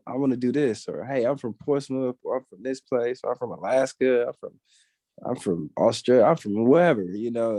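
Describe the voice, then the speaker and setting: A young man with a mellow, dark-toned voice chats eagerly as an interview guest, running from thought to thought and dropping in quoted asides. The sound is dry and close, with little room in it. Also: mid-range voice, dry recording. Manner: eager and talkative, quotes others in quick asides. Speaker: guest graphic artist and designer. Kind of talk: casual interview chat.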